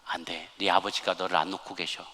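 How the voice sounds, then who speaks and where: A man voicing Jesus as a calm, firm grown man telling a child to go back, spoken low and hushed in a sermon story. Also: brisk, big-room sound. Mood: firm, gentle.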